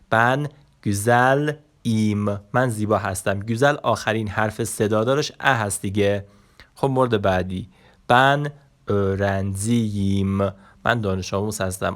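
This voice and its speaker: A man teaching an online language lesson, explaining slowly with many hesitation sounds. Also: on the low side.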